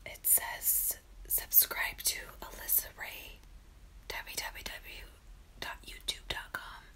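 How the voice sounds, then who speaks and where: A young woman chatting in a playful whisper for an ASMR video, close to the microphone. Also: slow. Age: young adult. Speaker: ASMR creator.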